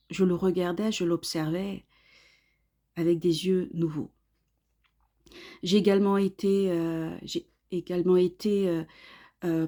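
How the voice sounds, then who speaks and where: A woman in her fifties from Australia, giving an earnest personal testimonial in short, halting phrases. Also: medium pitch, warm tone. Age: 50s. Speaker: course student giving a testimonial.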